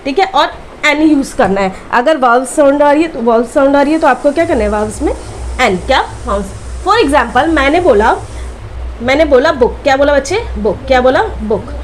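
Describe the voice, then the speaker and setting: A woman's voice: sits high, expressive, normal speed, a little hiss or hum. A woman teacher giving a classroom grammar lesson, repeating key words back as questions to her students.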